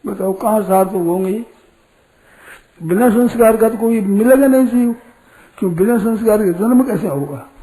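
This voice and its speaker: An older man giving a slow, storytelling spiritual discourse full of rhetorical questions. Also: sits high, warm tone, poor audio.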